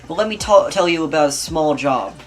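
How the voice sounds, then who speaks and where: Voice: medium pitch, lively intonation, brisk, close to an everyday voice. A home reader voices an earnest male bee in a casual script reading. He rallies his fellow bees in a mid-range, everyday voice. The music underneath is faint.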